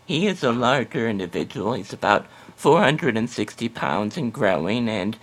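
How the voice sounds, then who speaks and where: A man's voice: mid-range voice, very animated, normal speed, a bit bright. A man voicing a chatty, skeptical female customer on a prank phone call, hesitant and exclamatory. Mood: hesitant, polite. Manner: hesitant, exclamatory, calls the listener honey.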